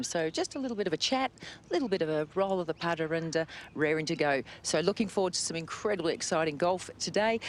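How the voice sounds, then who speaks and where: A middle-aged woman giving a chatty live golf report outdoors into a handheld microphone. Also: fairly low pitch. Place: outdoors on a practice green. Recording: faint outdoor background noise.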